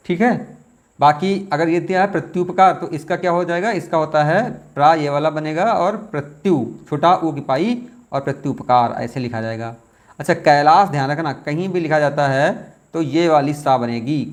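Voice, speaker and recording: A man teaching, working through exam questions aloud, repeating words slowly as he thinks aloud. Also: a little high. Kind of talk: test question walkthrough.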